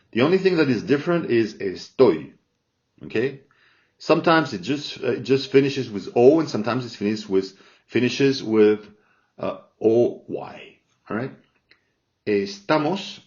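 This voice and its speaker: A man teaches a grammar lesson at an unhurried, careful pace, checking in with his listeners after each point. His voice sits at an ordinary middle pitch. The recording is dull and a little lo-fi. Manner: slow, patient, checks in with "all right?" often. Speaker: Spanish teacher. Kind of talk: language lesson explaining grammar. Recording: dull lo-fi sound.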